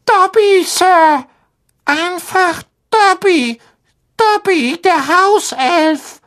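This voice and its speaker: A man voicing a servile, tearful male house-elf with a piercing, squeaky voice in a storybook reading. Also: drawn-out words, fairly bright tone, full character voice. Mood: eager. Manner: shrill, squeaking, sobbing, calls everyone sir.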